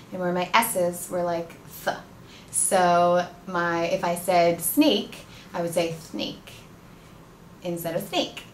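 A woman telling a personal story in a slow, explanatory way. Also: mid-range voice, reverberant, a little hiss or hum. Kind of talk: personal testimony.

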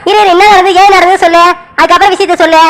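A woman voicing a patient middle-aged mother who calms her son in a village family cartoon. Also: very high-pitched, rapid-fire. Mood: soothing. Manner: patient, reassuring, repeats "sit, wait". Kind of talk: animated cartoon serial voice.

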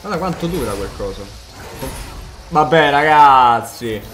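A man giving casual, excitable gameplay commentary, swearing and talking to his viewers. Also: mid-range voice, a little slow. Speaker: video game player commentating. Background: game music.

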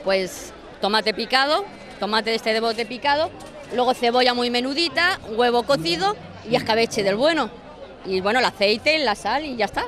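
A middle-aged woman at an outdoor street festival answering a reporter's handheld mic, listing things slowly and plainly. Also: on the high side, crowd noise. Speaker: festival participant. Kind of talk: casual interview answers.

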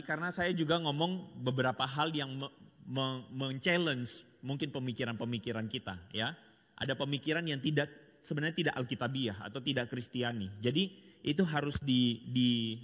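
A man's voice: mid-range voice, fairly bright tone. Earnest man speaking in a reverberant hall. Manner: earnest, direct, addresses audience as "saudara". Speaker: seminar speaker. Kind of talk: church seminar talk.

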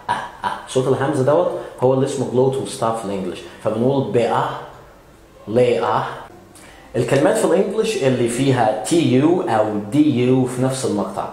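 A man's voice: medium pitch, a little mellow, slight background noise. A man with an Egyptian Arabic accent teaching English pronunciation, patiently modeling words with frequent filler sounds. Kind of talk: explanatory language lesson. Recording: very echoey room.

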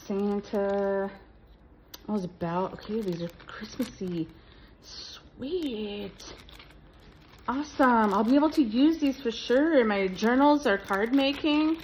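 A middle-aged woman from Minnesota unboxing craft mail, gushing and excitable with lots of gasps. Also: mid-range voice, slow pace, a little hiss or hum, rough recording. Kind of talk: casual unboxing vlog.

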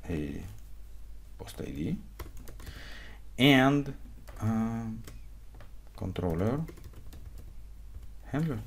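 Speaking extremely slowly with frequent pauses, this man in his forties delivers a live coding conference talk from his home desk, walking through each step and asking "okay?" often. English isn't his first language; he speaks Hebrew, Russian, and Ukrainian. His fairly low, gravelly voice is very animated, with slight background noise.

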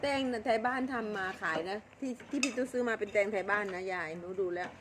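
A woman's voice: medium pitch, fast, noisy background. A woman with an Isan accent hosting a cooking vlog, chatting casually and slipping between Isan dialect and Thai.

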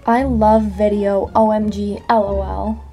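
Casual female vlogger with average pitch, reading comments sarcastically over prominent music. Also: level tone, a little slow, warm tone. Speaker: video creator and host. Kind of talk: casual vlog, reading comments aloud and reacting.

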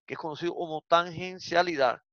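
A man giving a university psychiatry lecture, explaining step by step with frequent "eh" fillers and addressing the class as gentlemen. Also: a little high, fairly even intonation, brisk, no room sound, dull audio.

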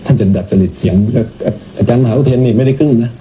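A man's voice: mid-range voice, quick pace, mellow, rough recording. A man who is a Buddhist monk, talking in a casual, teasing, joking way. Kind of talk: casual mocking commentary. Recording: clear background noise.

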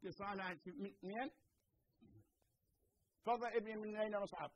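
Iraqi man, middle-aged, patient TV teacher, high pitched, repeats and checks understanding. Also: fairly even intonation, rough recording. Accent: Iraqi Arabic. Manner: explains slowly, repeats points, checks understanding. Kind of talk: televised lesson with phone-in questions.

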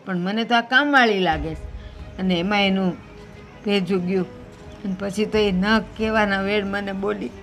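A woman's voice: mid-range voice, moderate pace, a bit bright, soft background music, lightly acted. A woman with a Gujarati accent playing an offended older mother who sulks and complains. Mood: sulky. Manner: complaining, sulky. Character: sulking offended old mother. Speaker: visiting mother.

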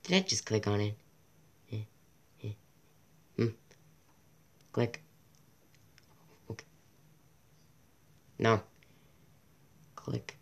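Casual host, male, from Canada, rambling self-interrupting commentary, voice worn and hoarse, home mic. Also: fairly low pitch, animated. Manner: rambling, self-interrupting, reads aloud in quick bursts. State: losing his voice. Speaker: channel host. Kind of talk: casual commentary reading a wiki.

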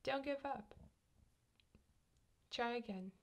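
In an ASMR sleep hypnosis roleplay, a woman with a voice on the high side plays a piano teacher. She speaks slowly, softly and repetitively with gentle command, sometimes dropping into whispers, while a metronome ticks and music plays in the background.

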